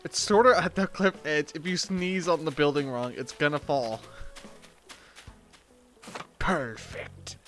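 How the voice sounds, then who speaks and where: A man's voice: on the high side, slow, pauses often, a bit bright. Joking young man playing a game. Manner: joking, laughs between lines. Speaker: streamer. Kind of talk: casual gameplay commentary. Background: game music.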